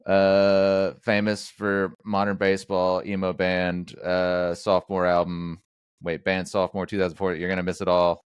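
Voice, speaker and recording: A man's voice: sits low, monotone, moderate pace, smooth, no room sound. A man hosting a podcast, chatting casually with lots of jokes, fillers and restarts. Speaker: podcast host. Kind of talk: casual interview chat.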